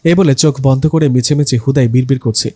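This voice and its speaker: A man narrating a comic first-person ghost story in a lively, conversational way. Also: medium pitch, fast talker, dry recording, studio quality.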